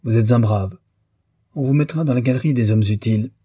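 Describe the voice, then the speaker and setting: A man's voice: medium pitch, a little fast, dark tone, slightly rough, natural voice. A man doing a wheedling, boastful bohemian.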